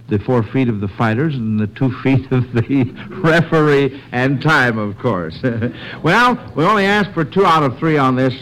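An American man with a mid-range, slightly bright voice hosts a 1940s radio quiz for a panel of children. He's folksy and encouraging, repeating and affirming their answers. The audio is poor, with a little hiss or hum.

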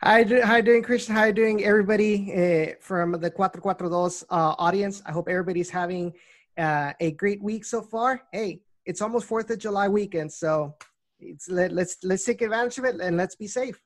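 A soccer reporter from South Texas's Rio Grande Valley appears as an interview guest, explaining things in casual conversation. Her voice is mid-range and her pace brisk.

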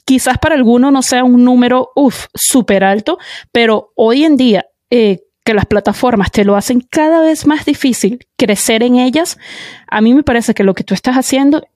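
A woman in the host's chair of a casual podcast, talking in an effusive, animated way. Her voice sits fairly high, and the sound is close and dry with no room around it. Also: moderate pace, dry recording. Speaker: podcast host.

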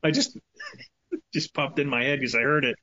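A man's voice: on the high side, very animated, moderate pace, bright, forceful tone, no room sound. A man co-hosting a podcast, chatting casually, laughing often and joking loosely. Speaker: podcast co-host. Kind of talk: casual chat. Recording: dull lo-fi sound with faint music.

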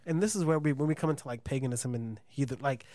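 A man's voice: mid-range voice, fast talker, dark tone, no room sound. Man, casual chat, hesitant, filler words, dry close recording.

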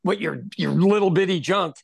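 Telling stories on a relaxed podcast, this middle-aged man acts out the people he quotes and lets his pitch rise and fall animatedly. His delivery is normal in speed, with vocal fry and a breathy edge, captured close and dry without echo.

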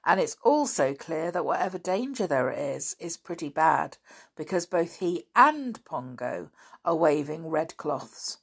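Reading a storybook in a low, unhurried voice that's creaky and slightly rough, a woman heavily acts out a steady, sensible boy. He leads his friends in a calm, reasoning way.

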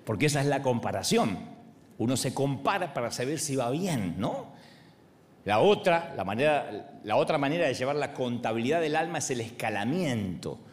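Lively Argentine pastor telling stories. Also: male voice, medium pitch, normal speed, a little hiss or hum. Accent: Argentine Spanish. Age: 40s. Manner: animated, acts out other voices, laughs along. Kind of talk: humorous sermon storytelling.

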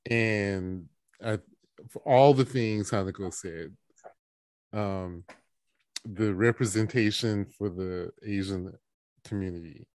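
A man co-hosts a casual podcast in a lowish voice. He argues his points earnestly, and the recording is dry, with no room sound. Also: takes it slowly, pauses often, darkish tone, no echo. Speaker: podcast co-host.

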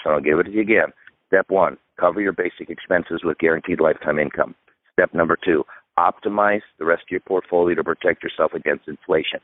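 A man's voice: deep voice, no echo. A man in his fifties, a retirement expert guest, giving emphatic step-by-step advice in a radio interview. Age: 50s. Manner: emphatic, instructive, lays out steps. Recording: dry tinny phone line.

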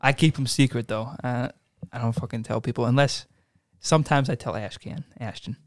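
A man's voice: medium pitch, steady tone, moderate pace. A man hosting a casual podcast, his voice sitting in the middle of the male range. He jokes easily and swears freely as he chats with his guests. The studio sound is dry, with no room echo at all. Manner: loose, joking, swears freely. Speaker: podcast host.

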